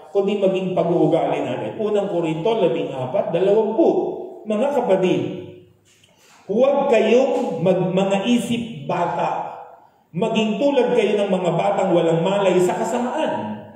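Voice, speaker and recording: A man's voice: high-pitched, dark tone. A man with a Filipino accent preaching a sermon in a conversational way, often asking his listeners "di ba?" and mixing in English. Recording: echoey hall, speaker far from mic.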